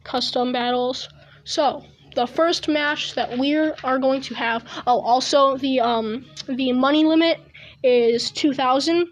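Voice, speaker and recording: High-voiced woman rambling over gameplay. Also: slow. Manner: rambling, hesitant, many restarts. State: chewing gum. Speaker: gaming video host. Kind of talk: casual gameplay commentary. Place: at home. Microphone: earbud headset mic.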